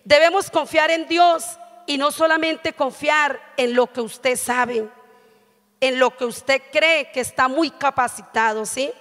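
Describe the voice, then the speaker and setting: High-voiced woman preaching in a reverberant hall. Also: takes it slowly, a bit bright. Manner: earnest, frequent "amén" and "¿sí?" checks. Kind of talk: sermon. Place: church stage at a pulpit. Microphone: handheld mic.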